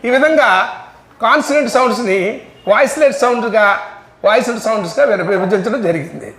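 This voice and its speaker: Very high-voiced male English teacher. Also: a little fast, fairly bright tone, reverberant, a little hiss or hum. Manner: patient, repetitive drilling of sounds. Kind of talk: phonetics lesson.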